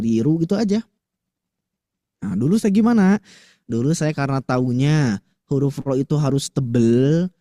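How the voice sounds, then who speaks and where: A man teaching Quran recitation to women in a lively, chatty way, slowly demonstrating letter sounds. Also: medium pitch, no room sound, studio quality. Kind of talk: tajwid lesson to women listeners.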